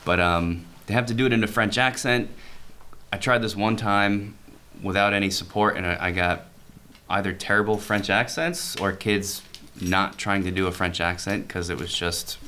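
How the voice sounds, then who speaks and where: A man's voice: fairly low pitch, steady tone, moderate pace, pushed and bright, slight background noise. A man co-hosting an education podcast in casual chat, rambling and restarting as he explains ideas. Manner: rambling, self-correcting, laughs easily. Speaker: podcast co-host, teacher.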